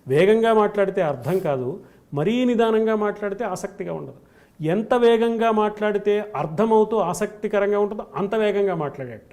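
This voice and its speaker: Give me a man giving a devotional discourse, high-pitched and gravelly, building points in rhythmic lists. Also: animated, normal speed, darkish tone. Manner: emphatic, rhythmic lists of qualities. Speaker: spiritual scholar guest.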